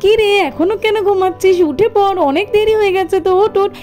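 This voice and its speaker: A woman's voice: very high-pitched, fast. A woman doing a bossy village girl. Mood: rousing. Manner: loud, scolding calls.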